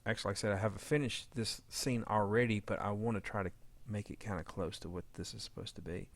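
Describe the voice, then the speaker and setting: A low, gravelly male voice mutters through a casual screen-recorded editing demo, mumbling file labels to himself as he works. He's a fan audio drama sound editor who talks fast with fairly even intonation. The recording is dry, with faint background noise and clicking.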